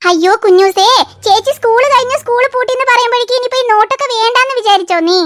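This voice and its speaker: A woman voicing a calm, gently scolding mother in a cartoon. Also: very high-pitched, fast talker. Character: soothing cartoon mother of three girls. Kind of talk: cartoon voice acting.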